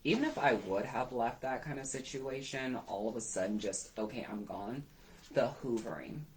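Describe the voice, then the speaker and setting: A woman's voice: a bass voice, normal speed, a little hiss or hum, low-quality recording. A woman hosting a talk, telling her story in a candid, conversational way and quoting others as she goes. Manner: animated, quotes others in passing. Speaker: host and business owner.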